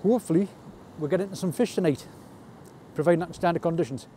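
This North East England man chats through a casual fishing vlog as he fishes off rocks at night, wind and rain around him, joking about himself in a low-key way. His pitch is fairly high, his tone dark, and he talks fast. Faint wind noise runs through the outdoor camera recording.

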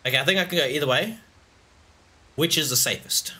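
Guy narrating his climbing game run, talks to himself a lot, bright voice, kinda high. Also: fairly quick, breathy edge. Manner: talks to himself, exclaims and laughs often. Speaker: gaming channel host. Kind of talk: let's play commentary.

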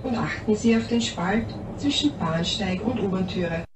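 A woman's voice: mid-range voice, moderate pace, heavy background noise. Echoey distant woman making subway announcements. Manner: formal. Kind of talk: subway safety and transfer announcement, scripted.

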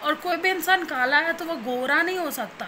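Speaking at a moderate pace, this woman has a very high-pitched, bright, forceful voice, caught on a rough recording with slight background noise. She's a young new mother in a casual home vlog, cooing at her baby and chatting with viewers as she offers them plain advice.

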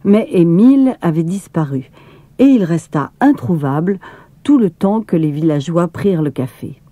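A woman narrating a children's storybook in a calm, measured reading voice, close to the mic. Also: lowish voice, dry recording.

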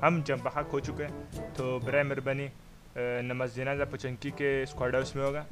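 A man with a Pakistani Urdu accent giving comic, excitable commentary over his own sniper match, mock-insulting his opponents. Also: medium pitch, moderate pace. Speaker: gamer giving funny commentary. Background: background music.

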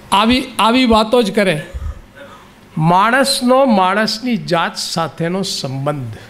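A man's voice: high voice, fairly bright tone. A man giving an inspirational public lecture, telling stories in a conversational way and repeating phrases for emphasis.

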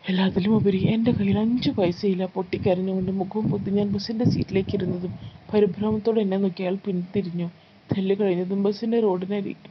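A woman narrating a first-person life story in a calm, steady storytelling read. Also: medium pitch. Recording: slightly muffled with faint background noise.

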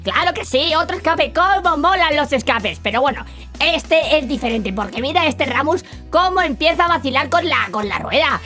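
An excitable woman commentates gameplay clips, her voice pitched high. She sounds sarcastic and exasperated and swears freely. Faint music plays underneath.

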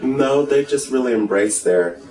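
A man's voice: medium pitch, unhurried, dark tone, faint music behind. A middle-aged man chatting casually in a dry, matter-of-fact way. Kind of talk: casual chat. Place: small living room, indoors. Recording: roomy, distant microphone.

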